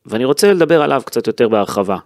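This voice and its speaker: A man's voice: mid-range voice, sing-song, darkish tone, no room sound, clean studio sound. A man hosting a sports podcast, chatting casually and animatedly about a football match, with frequent fillers and restarts. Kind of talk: casual football analysis chat.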